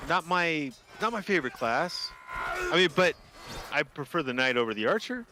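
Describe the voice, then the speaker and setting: A man's voice: on the high side, sing-song, normal speed, very noisy. A man hosting a live gaming stream, chatting casually and joking. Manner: joking, laid-back. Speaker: streamer host. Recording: game music behind.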